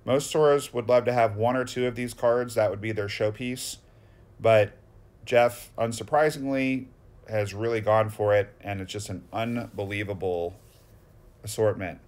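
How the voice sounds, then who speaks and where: A man's voice: on the low side, fairly even intonation, measured pace, darkish tone. A man with a Boston accent narrating a vlog tour in voice-over, gushing and exclamatory as he rattles off one item after another. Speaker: vlogger touring a card shop.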